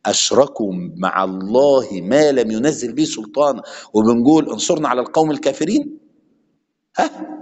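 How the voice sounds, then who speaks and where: A man's voice: medium pitch, expressive, brisk, a little mellow. A man with an Egyptian accent preaching an impassioned sermon, mixing classical and colloquial Arabic. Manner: impassioned, switching between classical and colloquial speech. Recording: long hall reverb.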